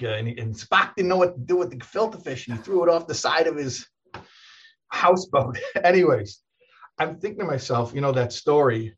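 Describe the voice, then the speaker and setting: In a casual chat, a rabbi tells a long, rambling story with animation, often chuckling and restarting his sentences. His voice is husky and slightly rough, and the muffled recording sounds as though the high frequencies were cut.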